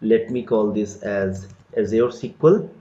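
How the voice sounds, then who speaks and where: A man giving a step-by-step screen-recorded software tutorial, explaining each click in a plain, methodical way. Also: on the low side, a little slow. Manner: step-by-step, plain explanatory delivery with frequent "so" and "let me". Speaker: tutorial instructor. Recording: roomy, dull lo-fi recording.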